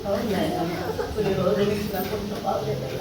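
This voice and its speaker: A woman's voice: medium pitch, fairly even intonation, fast, natural voice. A woman acting an ill old mother turned out of her home in a church drama skit, pleading and tearful, recorded from far off in an echoey, noisy hall. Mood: weary. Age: older.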